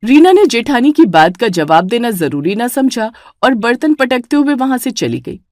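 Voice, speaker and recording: A woman's voice: fairly high pitch, big pitch swings, normal speed, a little mellow, no echo. Woman narrating a cartoon story.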